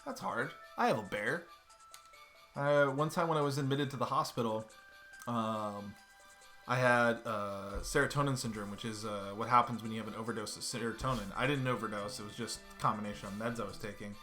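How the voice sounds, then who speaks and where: Playing a game on stream at home, a thirtysomething man chats loosely and swears casually as he goes, in casual let's-play style. His voice is mid-range, bright and forceful, a little fast, with faint music in the background.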